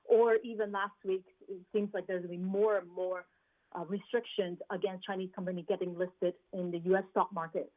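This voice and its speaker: A woman's voice: mid-range voice, steady tone, a little fast. A woman from Hong Kong, a venture investor, answering news interview questions thoughtfully over a remote video link, with restarts and fillers. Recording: tinny remote call line.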